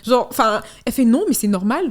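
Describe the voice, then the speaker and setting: A young woman speaking as a guest in a casual panel discussion, animated, laughing and apologizing as she talks. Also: a little high, quick pace.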